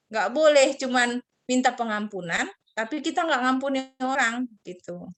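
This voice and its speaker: A woman's voice: on the high side, a bit bright. A middle-aged woman giving a casual children's sermon over a video call, explaining forgiveness and now and then acting out squabbling kids and God in raised, playful voices.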